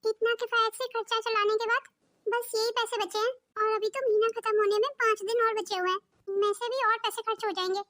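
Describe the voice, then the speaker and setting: A woman's voice: very high-pitched, steady tone, fairly quick, fairly bright tone. Woman doing a thrifty, sensible elder daughter-in-law. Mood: calm. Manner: sensible, matter-of-fact.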